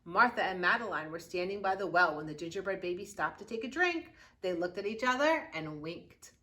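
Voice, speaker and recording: Bright-voiced woman reading a children's story. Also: fairly low pitch. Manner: expressive, dramatic storytelling with drawn-out words. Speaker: youth services librarian reading aloud. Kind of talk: children's picture book read-aloud.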